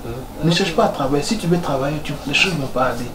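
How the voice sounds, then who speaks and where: A man's voice: on the high side, fast, a crowd in the background, close to an everyday voice. A man playing a devoted husband who pleads tenderly with his crying wife, repeating himself, in a comedy sketch. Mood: firm. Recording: echoey room, far from mic, noisy.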